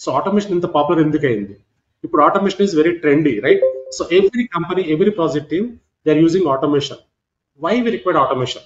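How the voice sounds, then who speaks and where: A man's voice: on the high side, lively intonation, rapid-fire, soft background music. A middle-aged man, a native Telugu speaker with a Telugu Indian accent, giving a live class as a technical instructor and often checking in with "right?" and "okay". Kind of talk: live demo class lecture. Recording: echoey room, dull lo-fi audio.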